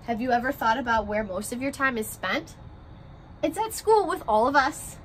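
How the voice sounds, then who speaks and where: Her pitch fairly high and her intonation lively, a first grade teacher in her twenties reads aloud and speaks directly to young pupils at normal speed. She's outdoors on a porch by glass doors, and slight background noise is audible.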